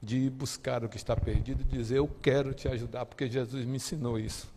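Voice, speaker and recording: A man from Brazil preaching a sermon and telling his own story, impassioned and rising to near shouting at the peaks, with halting restarts and repeated words. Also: mid-range voice, fairly even intonation, in a large hall, slight background noise. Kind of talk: sermon with personal testimony. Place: church sanctuary.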